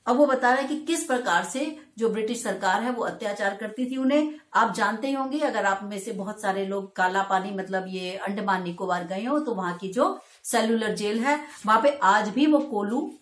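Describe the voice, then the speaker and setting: A woman teacher explaining a Hindi poem to school students, reciting the verse lines slowly and with feeling, then explaining them in plain speech. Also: medium pitch, reverberant.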